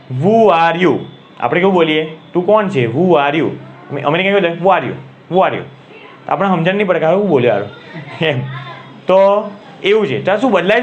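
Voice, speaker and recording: Gujarati-accented male teacher, slightly high voice, quizzes his class, faint room hum behind. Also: muffled recording. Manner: asks the class questions and repeats key words. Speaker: English grammar teacher.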